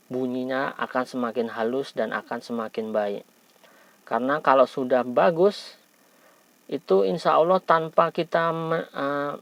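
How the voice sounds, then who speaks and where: A lower-voiced man with an Indonesian accent gives an instructional lesson. He over-enunciates each key sound with deliberate care, patiently encouraging the learner. There is noticeable creak in his voice, and the recording is dry and slightly dull. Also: a bit bright, no echo. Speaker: Quran recitation teacher.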